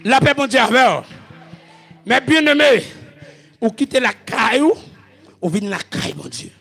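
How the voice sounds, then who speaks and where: A male pastor with a Haitian accent preaching a sermon, shouting and chanting his calls. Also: very high voice, sing-song, moderate pace, creaky, faint music behind.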